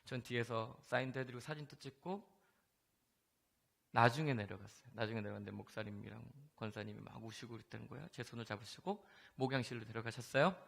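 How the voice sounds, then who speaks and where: Bright-voiced man giving an emotive testimony. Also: lowish voice, creaky. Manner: emotive, animated storytelling. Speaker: evangelist and gospel singer. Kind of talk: testimony sermon.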